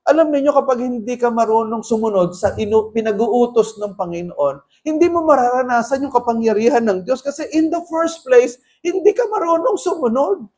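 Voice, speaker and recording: A man from the Philippines, a pastor preaching a sermon and telling animated stories with English phrases mixed in. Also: very high voice, brisk, hardly any pauses.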